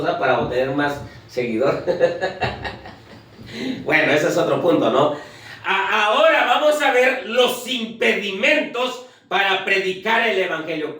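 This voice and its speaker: A man preaches a sermon with a high, lively voice that jumps up and down. He quizzes the congregation and counts off his points one by one. He is heard from a distance in a very echoey church. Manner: asks the congregation questions, lists points.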